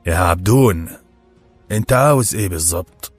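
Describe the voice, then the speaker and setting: A gravelly, quick-tempered head cook with an Egyptian accent barks insults in a low, husky growl, as a male reader puts him on. The recording is dry and close, with faint music underneath. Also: expressive, no echo. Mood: angry. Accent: Egyptian Arabic. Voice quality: gravelly, harsh voice. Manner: barking insults. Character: gruff hot-tempered middle-aged male head cook.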